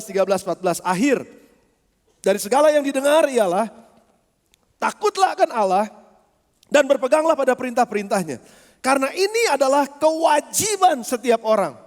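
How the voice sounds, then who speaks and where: A male pastor preaching a sermon with lively emphasis, loud one moment and low and quiet the next, in a church hall. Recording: church hall with long reverb.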